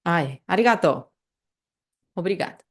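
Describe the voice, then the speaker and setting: A woman with a Brazilian Portuguese accent teaching an online language lesson, patiently repeating phrases slowly and checking in with the listener. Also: fairly low pitch, lively intonation.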